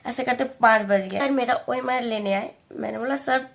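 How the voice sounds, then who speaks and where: A young woman speaks in a dejected, halting way, circling back over the same words. Her voice sits fairly high and has a gravelly edge. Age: young adult. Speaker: exam candidate sharing her experience. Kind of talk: emotional personal vlog.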